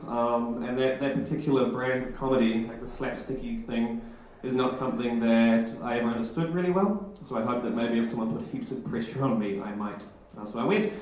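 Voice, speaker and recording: A man's voice: mid-range voice, darkish tone, a little hiss or hum. A young man gives a comic, self-deprecating talk on stage at a live event, heard through an echoey hall. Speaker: presenter.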